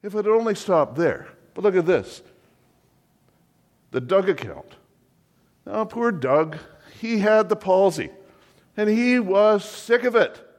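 A man playing a fussy biblical-era undertaker who pitches his business with exasperated, theatrical sales patter. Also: lively intonation, slow pace, long pauses, long reverb tail. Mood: salesy, wry. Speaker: comic monologue performer. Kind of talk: comic character monologue.

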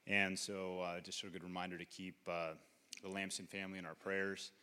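Deep, smooth man in a reverberant hall. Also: little pitch movement, normal speed, bright, forceful tone. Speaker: church leader making announcements. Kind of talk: informal, hesitant announcement.

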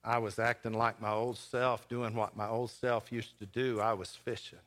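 A preacher playing a humbled, earnest apostle. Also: male voice, medium pitch, level tone, a bit bright, lightly acted. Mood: insistent. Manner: halting, repeats words as he speaks. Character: repentant apostle, grown man, humbled and earnest. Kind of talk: first-person dramatic sermon monologue.

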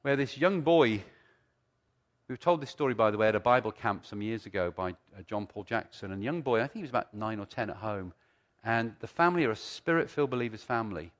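Animated preacher, very varied pitch. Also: male voice, a little fast. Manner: conversational, repeats phrases for emphasis, rhetorical questions. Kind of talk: sermon with storytelling and teaching.

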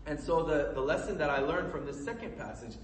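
A man preaching a sermon with a fairly high voice. He talks earnestly and haltingly, with plenty of fillers and restarts. He is recorded in an echoey room, away from the mic, with faint background noise. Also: lively intonation, recorded from a distance. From Colorado, USA.

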